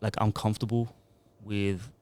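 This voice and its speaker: This thirty-something DJ and music producer has a fairly low, somewhat dark voice and keeps a level tone at a normal speed. His talk on the casual podcast interview is relaxed and meandering.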